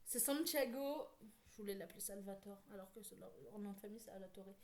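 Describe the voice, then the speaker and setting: Woman book vlogger, casual chat, mid-pitched, rambling with fillers and self-corrections. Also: fast, darkish tone.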